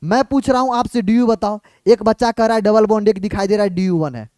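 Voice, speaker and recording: A man, a chemistry teacher explaining in a lively, playful way and acting out both the student and the teacher. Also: high voice, fast talker, clean tone, no room sound, studio quality. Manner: playful, plays student and teacher back and forth.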